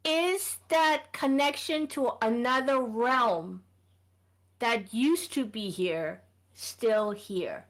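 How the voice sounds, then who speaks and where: A woman's voice: on the high side, drawn-out words. A woman playing in a tabletop game, polite and hesitant, with many fillers. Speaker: player. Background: faint background music.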